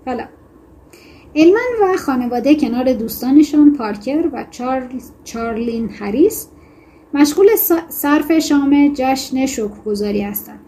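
Mellow-voiced woman teaching fiction writing. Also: high-pitched, lively intonation. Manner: conversational explaining with self-corrections, then measured reading. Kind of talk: lecture on fiction writing with read-aloud excerpts.

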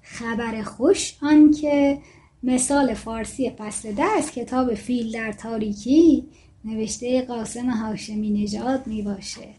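Mellow-voiced woman giving a casual reading lesson. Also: a little high, steady tone. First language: Gilaki. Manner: chatty, thinking aloud with fillers and self-corrections. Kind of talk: casual lesson, reading book excerpts aloud.

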